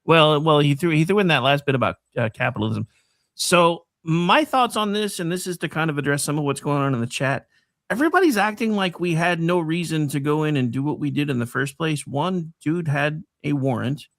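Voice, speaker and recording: Blunt man with a high, dry-sounding voice. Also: animated, a little fast, vocal fry, fairly bright tone, no echo. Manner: blunt, profane. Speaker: talk show co-host. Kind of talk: casual political opinion.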